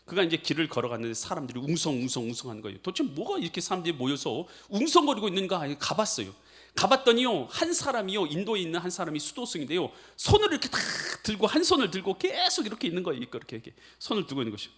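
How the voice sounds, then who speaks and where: A man preaching a sermon as pastor, swinging between loud pleading outbursts and low, hushed passages. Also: sing-song, rapid-fire. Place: church sanctuary.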